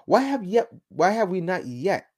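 A man's voice: sits high, sing-song, moderate pace, a little mellow, breathy edge. A man hosting a podcast, giving an emphatic, ranting political commentary monologue. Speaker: podcast host.

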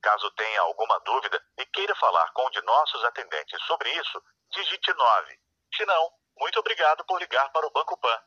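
Man, Brazilian accent, very bright forceful tone, lively intonation, polite informal customer service prompts, over the phone. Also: mid-range voice, a little fast, husky, dry recording. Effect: telephone line. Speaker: automated bank phone line voice. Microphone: recorded prompts heard over a phone call. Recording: dull telephone-line recording.

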